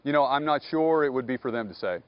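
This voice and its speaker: A police captain answers questions briskly, his words quick but careful and hedged. His voice sits at a middle pitch, and the sound is muffled and lo-fi like an old broadcast feed. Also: expressive, dry recording. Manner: measured, guarded, many "uh" and "you know". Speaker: police captain, investigation spokesman. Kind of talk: live TV news interview.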